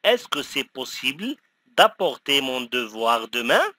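A man teaching, saying each short phrase twice slowly and clearly for learners to repeat. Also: medium pitch, sing-song, bright, forceful tone, dry recording, studio quality. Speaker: language teacher. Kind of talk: slow phrase-by-phrase pronunciation drill.

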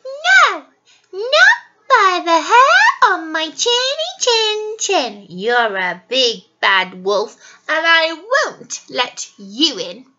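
A woman voicing a small frightened male pig in a children's storybook reading, crying out in high squeals. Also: sing-song, very slow, bright, forceful tone, exaggerated voice. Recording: dull lo-fi recording.

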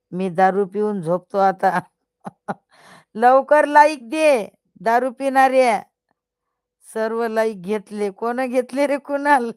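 A woman's voice: mid-range voice, clear, resonant tone, no echo, clean studio sound. An older woman hosting a casual live stream, teasing and scolding her viewers and often breaking into laughter.

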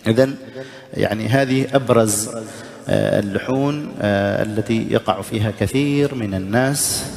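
A man teaching a recitation lesson as a sheikh, explaining each error, chanting the examples slowly and putting short questions to the listeners. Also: fairly low pitch, a little mellow. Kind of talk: religious lesson.

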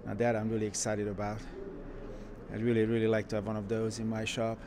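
A man who runs a car shop, walking through a car museum and giving casual, enthusiastic commentary with frequent pauses. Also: lowish voice, monotone, a crowd in the background. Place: indoor car museum halls.

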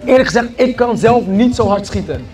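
A man's voice: high-pitched, animated, fairly quick, soft background music. A man hosting a prize ceremony outdoors, announcing winners and calling out names to a crowd. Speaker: vlogger and event host. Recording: loud crowd behind.

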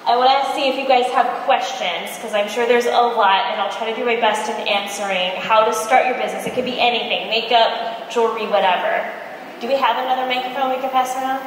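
A fairly high-pitched American woman from Michigan talks at a quick pace, founder of a cosmetics brand presenting at a conference. She keeps it chatty, telling lively stories with acted-out quotes into a handheld mic on stage in a large indoor expo room. The PA sound, captured from the audience, echoes heavily over faint background noise.

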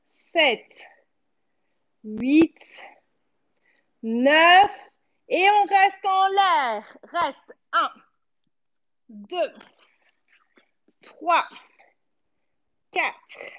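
High-pitched woman coaching a workout. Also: a bit bright, muffled recording. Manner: short encouraging commands, cueing while exercising. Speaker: fitness coach. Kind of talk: instructing a home workout, counting repetitions. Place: living-room home studio, indoors.

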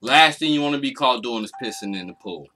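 A man's voice: mid-range voice, expressive, quick pace, bright, forceful tone, slight background noise. A man chatting casually and playfully in slang as he hosts a home vlog. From Arkansas, United States. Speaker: mukbang vlog host. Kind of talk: casual chat. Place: small indoor room at home.

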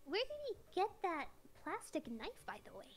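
A woman chatting casually on a game stream as co-streamer, giggly and quick to exclaim. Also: very high-pitched, sing-song.

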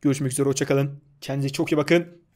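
A young man doing casual gameplay commentary on a football game, excitable, yelling and swearing at his player. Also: mid-range voice, fast. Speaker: gaming YouTuber.

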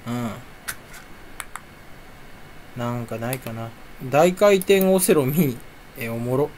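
A man's voice: medium pitch, expressive, slow, darkish tone, a little hiss or hum. A young man chatting casually to camera at his computer at home, rambling and talking to himself in a jumpy, self-mocking way. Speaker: video creator. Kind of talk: casual solo chat while browsing online. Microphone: desk or headset mic, face on camera.

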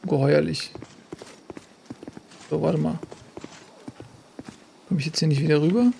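A man's voice: fairly high pitch, animated, moderate pace, vocal fry, warm tone, a little hiss or hum. A man giving casual gameplay commentary as a let's play host, chatty and jokey, talking to himself and the game.

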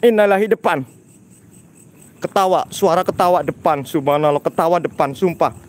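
A man hosting a live night-time ghost-hunting stream, talking in a hushed, urgent voice and often murmuring religious exclamations to his viewers. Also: on the high side, normal speed. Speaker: ghost-hunting livestream host. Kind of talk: live paranormal ghost-hunt narration. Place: dark building at night, outdoors nearby.

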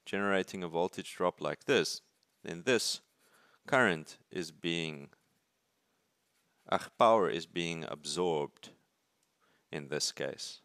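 A man's voice: deep voice, takes it slowly, long pauses, fairly bright tone, clean tone, dry recording, clean studio sound. A male university lecturer explaining circuit drawings at his desk. He thinks aloud, restarts words and keeps checking in with "right?". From South Africa. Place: at a desk, filming paper from above.

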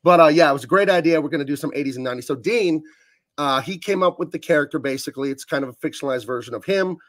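A man's voice: fairly high pitch, very fast, fairly bright tone, dry recording. A man who is a comic book artist, chatting as a guest in a verbose, rambling way. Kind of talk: casual chat.

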